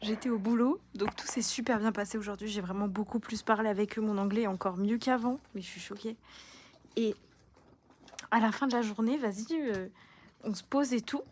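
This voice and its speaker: A young woman from France chatting casually into her phone in a slangy, animated vlog, laughing often. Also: mid-range voice, a little fast, a little hiss or hum. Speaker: vlogger.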